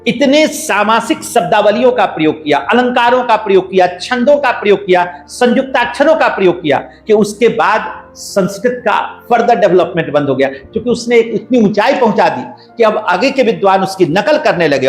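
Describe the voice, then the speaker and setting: A man with a high, animated voice explains things step by step, like a lecturer stacking up points. He sounds unhurried and measured. The room is echoey, and a faint bed of music plays underneath. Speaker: guest scholar. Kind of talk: explanatory podcast talk. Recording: roomy echo, faint background music.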